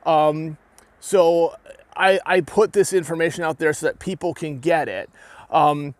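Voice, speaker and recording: Speaking unhurriedly in a steady tone on the high side, a young adult armored combat fighter gives his video viewers an earnest, casual rant. His New Hampshire accent marks him as a New Englander, and he rambles with many restarts and "right?" tags. No room sound is present.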